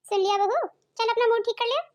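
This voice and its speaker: A woman's voice: very high-pitched, quick pace, darkish tone. A woman voicing a blunt elderly mother-in-law in a cartoon family drama, who lectures and scolds. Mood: lecturing. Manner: scolding, proverb-quoting. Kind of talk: cartoon soap voice acting.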